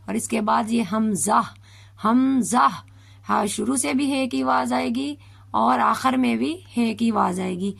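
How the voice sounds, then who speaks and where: Patient woman teacher with a gravelly voice. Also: fairly high pitch. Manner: patient, drawn-out demonstration of each sound. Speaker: Quran reading teacher. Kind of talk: beginner Tajweed lesson, spelling out syllables.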